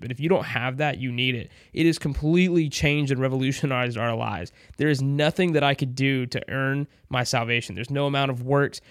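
A man's voice: mid-range voice, a bit bright, no room sound, studio quality. A man hosting a sports podcast, chatting casually with an earnest, emphatic manner.

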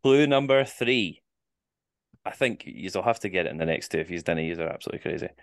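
A man's voice: deep voice, expressive, brisk, no room sound, studio quality. A man with a Scottish accent hosting a casual quiz podcast, teasing the players and reading the clues in the first person. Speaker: quizmaster.

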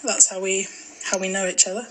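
A Scottish woman in her twenties from Glasgow, with a mild, mixed accent, co-hosts a casual podcast chat, giggling and trailing off with fillers. Her medium-pitched voice stays steady and runs a little fast. The low-quality recording carries slight background noise.

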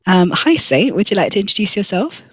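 A woman's voice: mid-range voice, big pitch swings, a little fast, husky. A woman hosting a podcast interview, her voice scratchy as she gets over a cold, friendly and enthusiastic. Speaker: podcast host. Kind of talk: casual interview.

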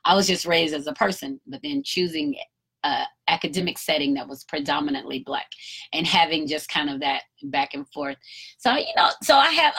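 A woman in her fifties hosts a reflective solo podcast, speaking candidly, encouraging her listeners, and cursing casually. Her voice is on the low side, husky and a bit bright, with vocal fry.

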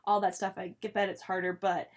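Woman, late 20s, host; eager, agreeable, casual fillers, average pitch. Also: level tone, fairly quick. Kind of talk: casual chat.

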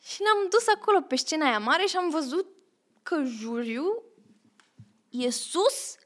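Chatty young woman, slightly high voice. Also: sing-song. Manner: chatty storyteller, laughs often, acts out quotes. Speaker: podcast co-host, theatre troupe member. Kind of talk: casual chat.

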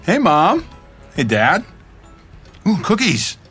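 A young pop star home with his parents in an audio drama. He talks slowly, sheepish and defensive, and his pitch moves lively. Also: music in the background, heavily acted.

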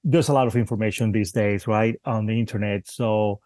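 A man's voice: fairly low pitch, fairly even intonation, fairly quick, dark tone, dry recording. A man born in Cuba and raised in Spain, a guest bonsai artist talking casually with many restarts. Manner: hesitant, many restarts, laughs easily. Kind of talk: casual interview chat.

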